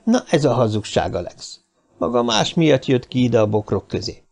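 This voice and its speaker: A male narrator plays a large, stern man who calmly accuses a liar in a storybook. He speaks softly and flatly, with a gravelly rasp in the voice. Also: mid-range voice. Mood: cold. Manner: quiet, toneless, measured.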